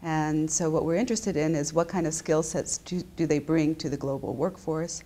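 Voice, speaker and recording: In an indoor office, a business school professor in her fifties who grew up in Japan answers interview questions. Her mellow, low-pitched voice stays fairly even at a normal speed, and her explanations come with frequent restarts and fillers.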